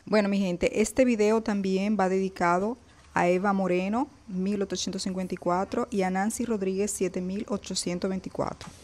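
Her voice is mid-pitched, even, a touch mellow, and unhurried. Speaking to the camera for her casual gardening vlog, the woman shows off her balcony plants outdoors and chats with viewers as she points things out.

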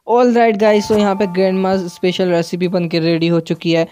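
A man giving live gameplay commentary for his channel, tense and excitable, dropping English words into his play-by-play. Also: sits high, brisk, slight background noise. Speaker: gaming channel host.

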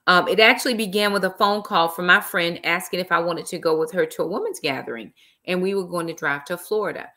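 Chatty woman with a lowish voice on a live stream. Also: fast talker. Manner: chatty and warm-hearted, uses y'all and praise interjections. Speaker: author and live-stream host. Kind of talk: casual live-stream chat. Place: small room indoors, seated in an armchair. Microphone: laptop webcam.

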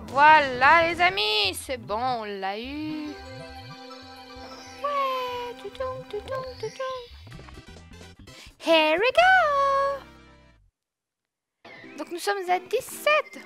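High-voiced excitable young woman gamer. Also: creaky. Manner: shrieks and scolds the game character. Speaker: let's play gamer. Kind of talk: excitable gaming commentary. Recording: game music playing behind her voice.

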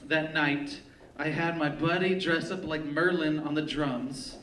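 A man from California, a poet, telling a comic story live on stage with wry, deadpan, profane humor. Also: on the high side, measured pace, a little hiss or hum. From Long Beach, California. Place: theater stage before a live audience. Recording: echoey theater, distant mic, crowd laughter.

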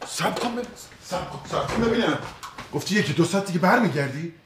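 An actor playing a flustered young husband and doctor in a sitcom, defensive and pleading, lecturing when cornered. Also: male voice, high-pitched, expressive. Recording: roomy set with faint noise.

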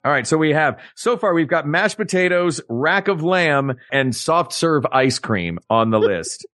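A male podcast co-host in playful, joking conversation. His voice leaps up and down with lively expression. The sound is dry and close, with no room around it. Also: unhurried, no echo. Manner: animated, playful, builds up jokes with big pitch swings. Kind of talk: comedic casual chat.

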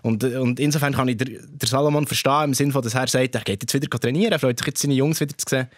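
A man's voice: medium pitch, steady tone, quick pace, dry recording, studio quality. A man with a Swiss German accent, a podcast guest talking football and thinking aloud with restarts. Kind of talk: casual football chat.

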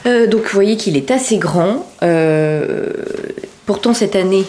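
A woman's voice: mid-range voice, animated, slow pace, warm tone, a little hiss or hum. A woman hosting a casual knitting and sewing podcast, talking chattily with frequent hesitations while showing her work. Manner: chatty, many hesitations and fillers, showing items to camera. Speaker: podcast host.

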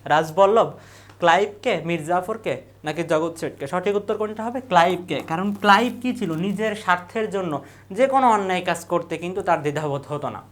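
In a lowish voice, a woman teacher with a Bangladeshi Bengali accent runs an exam revision lesson, questioning the class and going back over the answers slowly.

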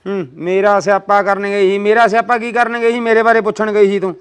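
A man's voice: high voice, little pitch movement, brisk, smooth. A man acting a grumpy husband who bickers with his wife in a comedy short film. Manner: grumbling, insulting.

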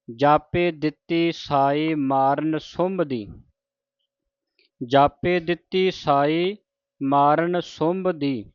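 A man teaching scripture pronunciation, reciting verses in a measured, deliberate way and adding short explanations. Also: a little high, clean tone, no room sound, lo-fi sound. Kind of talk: slow scripture recitation lesson.

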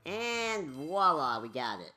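A woman's voice: sits low, big pitch swings, slow, pushed and bright. A woman giving casual, rambling commentary over a game walkthrough, chatty with many fillers.

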